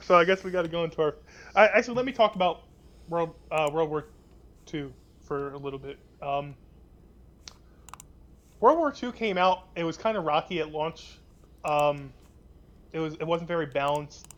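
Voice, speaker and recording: Young guy on a gaming podcast, kinda high voice, rambly, lots of ums and restarts, swears a bunch. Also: normal speed, pauses often, fairly bright tone. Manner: rambling, many restarts and fillers, swears freely. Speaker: podcast co-host. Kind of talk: casual gaming podcast chat.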